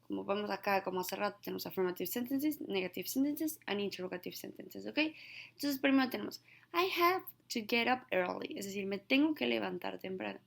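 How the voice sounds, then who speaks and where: A woman, an English teacher giving a recorded grammar lesson who slows right down to read out example sentences. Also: mid-range voice, gravelly.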